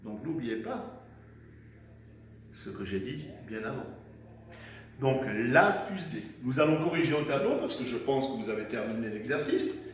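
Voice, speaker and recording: A man teaching young children a dictation lesson with an animated storytelling tone, spelling words out slowly syllable by syllable. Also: mid-range voice, distant mic. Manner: animated storytelling tone, personifying letters; slow, syllable by syllable. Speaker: primary school teacher. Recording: echoey room, voice from afar, faint noise.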